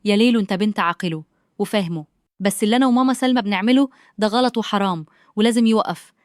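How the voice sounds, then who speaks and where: A woman's voice: medium pitch, racing, no echo, clean studio sound, lightly acted. A woman with an Egyptian accent voicing a grieving, guilt-torn middle-aged man in a spoken story, talking in a troubled, pleading way. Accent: Egyptian Arabic.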